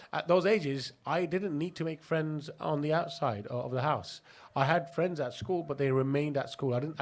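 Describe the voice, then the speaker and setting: Man, from Pakistan, podcast guest, slightly high voice, rambling, laughs a lot. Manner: chatty, laughing, many restarts. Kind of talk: casual interview storytelling.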